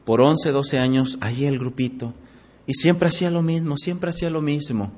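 A man preaching a sermon as a pastor, impassioned, swinging from loud quoted voices to hushed lines. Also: on the high side, normal speed. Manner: impassioned preaching, voicing congregants in quoted asides.

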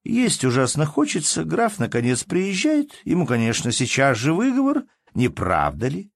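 A man's voice: a little high, huge pitch swings, moderate pace, creaky, dry recording, clean studio sound, pitched above the performer's own voice, full character voice. A man voicing a chatty young society lady who gushes and exclaims, in a read-aloud story. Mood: gushing. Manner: gushing, exclamatory.

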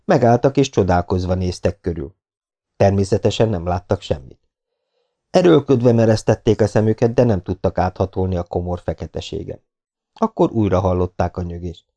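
Guy reading an audiobook, gravelly fry, dark mellow voice, steady pace. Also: low-pitched. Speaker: audiobook narrator. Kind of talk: audiobook narration.

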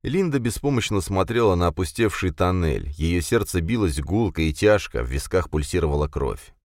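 A man narrating a thriller audiobook in an expressive, tense reading. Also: deep voice, moderate pace, dry recording, studio quality.

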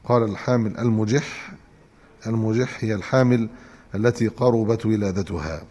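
A man with an Egyptian Arabic accent giving a religious lesson, reading a text aloud and explaining it in a measured way. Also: lowish voice, a little mellow, slightly rough, in a large hall. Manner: measured, explanatory, restarts to correct himself. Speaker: Islamic scholar teaching hadith.

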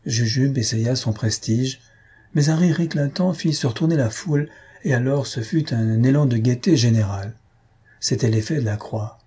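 A man narrates a comic novel in a steady, measured way. His voice is husky and quite rough, with a dark, mellow tone at a middle pitch. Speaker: audiobook narrator.

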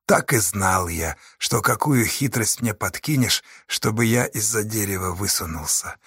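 A male narrator voicing a grim, cold older outlaw who speaks low, flat and with contempt. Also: unhurried, husky, no echo, clean studio sound, exaggerated voice. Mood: contemptuous.

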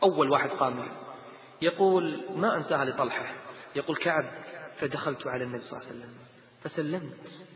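Male preacher, high voice, dramatic hush-to-loud storytelling, tinny echoey hall recording. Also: fast talker, pauses often, crowd noise. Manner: dramatic, swings between hushed and loud, chants verses. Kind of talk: emotional storytelling sermon.

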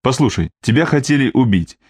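A man's voice: mid-range voice, lively intonation, fairly quick, a little mellow, slightly rough, no room sound. A man voicing a wary, sardonic tough man in an audiobook, talking in a dry, mocking, cold way.

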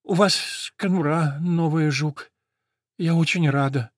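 A man voicing an old, sick and weary female horse in a storybook, speaking softly and tiredly. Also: a little high, takes it slowly, no echo, studio quality. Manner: soft, tired, gentle. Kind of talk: storybook reading.

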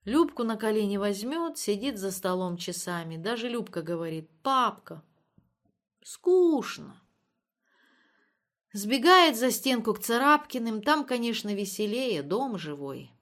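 A woman reading literary prose as an audiobook narrator, measured and subdued. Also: medium pitch, lively intonation, a bit bright.

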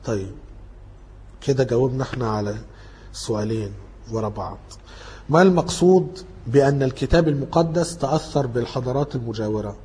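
A man's voice: medium pitch, animated, a little fast, pauses often, warm tone. A man with an Egyptian Arabic accent giving an informal lecture, working through study questions and thinking aloud as he corrects himself.

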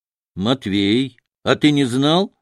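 A man voicing a good-natured middle-aged peasant with slow, folksy speech. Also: mid-range voice, dry recording, clean studio sound, lightly acted.

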